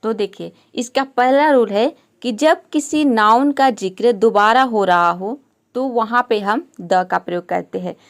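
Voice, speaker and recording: A woman's voice: a little high, measured pace. A woman teaching English grammar step by step, patiently asking questions and answering them herself.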